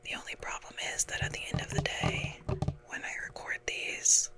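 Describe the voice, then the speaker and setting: A woman whispering softly and breathily in a casual, halting, self-deprecating ASMR ramble. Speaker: ASMR content creator.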